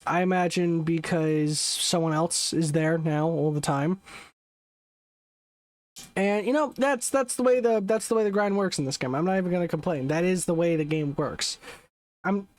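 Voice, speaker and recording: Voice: mid-range voice, moderate pace, a little mellow, dry recording. Rambling, swearing game streamer, dry close sound. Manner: rambling, self-correcting, swears casually. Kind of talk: casual live gameplay commentary.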